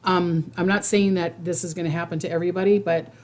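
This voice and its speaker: A woman speaks in a slightly low-pitched voice, chatting to her viewers as the host of a casual livestream. Her delivery is informal and rambling, and she repeats phrases to drive them home. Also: fairly even intonation, fast talker, a little mellow. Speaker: psychic host giving monthly predictions.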